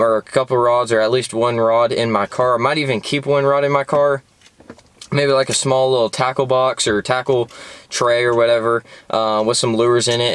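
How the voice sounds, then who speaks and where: A man's voice: medium pitch, fairly bright tone, clean tone, no echo. A young man vlogging about fishing from a parked car, rambling casually with lots of fillers. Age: young adult. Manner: chatty, rambling, many fillers. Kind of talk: casual vlog commentary.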